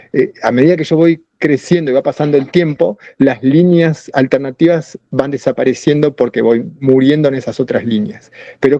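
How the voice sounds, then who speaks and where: A man's voice: mid-range voice, vocal fry, warm tone, no room sound, muffled recording. A man with a Rioplatense Spanish accent talking casually on a podcast, rambling through ideas with many restarts. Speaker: podcast co-host.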